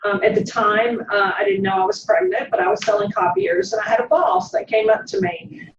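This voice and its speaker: A woman's voice: mid-range voice, steady tone, brisk, slight background noise. A woman with a Southern US accent, telling stories in a chatty way with swooping intonation as an interview guest. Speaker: private investigator, guest. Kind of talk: animated storytelling in conversation. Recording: roomy, distant, slightly dull sound.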